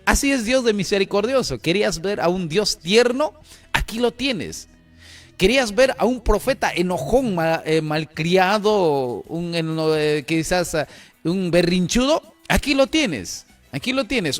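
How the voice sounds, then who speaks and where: A man preaching a sermon, chuckling often and asking "¿no es cierto?" again and again. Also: fairly high pitch. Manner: animated, chuckling, repeats "¿no es cierto?".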